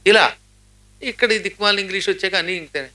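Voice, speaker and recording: A man's voice: high-pitched, fast talker, pushed and bright. A middle-aged man giving a spiritual discourse, chanting verses and then explaining them, with humorous asides that mimic how words get pronounced. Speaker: religious speaker.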